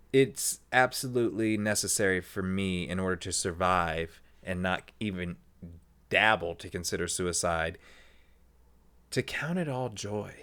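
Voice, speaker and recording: Low-voiced man hosting a candid podcast. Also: clear, resonant tone. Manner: animated, swings into high excited tones when telling anecdotes; candid, conversational, with many fillers and asides. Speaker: podcast host. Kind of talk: personal podcast monologue.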